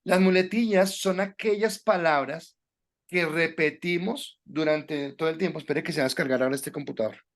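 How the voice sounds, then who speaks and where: A man's voice: on the high side, normal speed. A man teaching a class on preaching, giving direct instructions to the students with frequent hesitations. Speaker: preaching instructor at a Bible school. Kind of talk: classroom lecture on sermon delivery.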